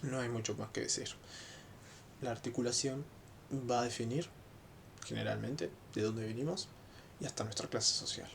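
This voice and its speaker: A young man giving an informal, unhurried explanation of a book chapter, pausing often with fillers as a teacher-training student. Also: medium pitch, gravelly, a little hiss or hum.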